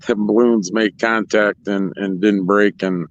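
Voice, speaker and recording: A man with a lowish voice chats casually as a racetrack co-host, laughing as he goes and stumbling through restarts. The recording is dull and lo-fi, with the top end rolled off. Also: no room sound. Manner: laughs often, rambling with restarts. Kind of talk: casual chat. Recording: dull lo-fi sound.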